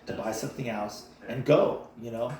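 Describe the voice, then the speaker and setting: A man from the United States talking in a casual, rambling monologue full of fillers and restarts, with a gravelly voice. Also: mid-range voice, normal speed, crowd noise. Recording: very echoey with faint noise.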